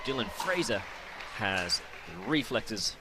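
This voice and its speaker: A man's voice: fairly low pitch, very animated, slow pace, very noisy. A man in his late thirties giving chatty, analytical color commentary at a live match. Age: late 30s. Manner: chatty, laughs easily, analytical.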